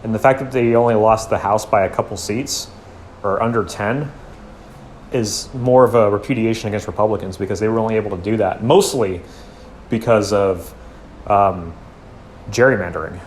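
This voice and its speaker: Low-voiced man giving casual blunt critique. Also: moderate pace, slight background noise. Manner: loose and conversational, many fillers and trailing off; blunt, occasional swearing. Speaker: commentary channel host.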